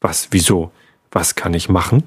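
A man's voice: lowish voice, expressive, moderate pace, vocal fry, a little hiss or hum. A man voicing a small, friendly female bat with a lisp, in a bedtime story. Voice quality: lisping.

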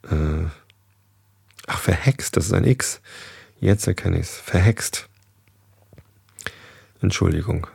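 Deep gravelly man reading aloud. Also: a little slow, long pauses, a little mellow, no room sound. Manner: stumbles over words and corrects himself. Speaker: reader. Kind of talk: reading a children's book aloud with casual asides. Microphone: desk microphone.

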